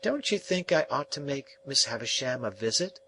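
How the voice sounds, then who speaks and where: A man voicing an earnest, wistful young male apprentice who asks soft, pleading questions. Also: mid-range voice, very animated, normal speed, a little hiss or hum, voice pushed up.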